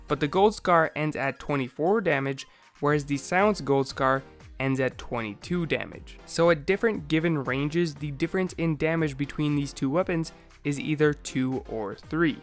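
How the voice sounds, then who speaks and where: Higher-voiced man, slightly raspy from sore throat. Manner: explanatory, methodical. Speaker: video game explainer host. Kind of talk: scripted narration, game analysis.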